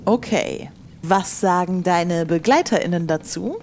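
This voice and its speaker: A woman's voice: on the low side, a little slow, darkish tone. A woman playing a pirate captain who leads a crew, in an improvised audio adventure. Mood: questioning. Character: pirate captain Sam leading her crew's vote. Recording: faint ambient noise behind voice.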